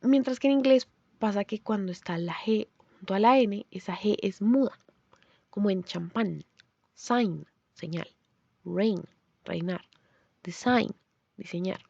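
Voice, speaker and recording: Dark-voiced woman teaching pronunciation. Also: mid-range voice, dry recording, lo-fi sound. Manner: explains clearly, then pronounces example words slowly. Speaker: language teacher. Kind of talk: scripted phonetics lesson.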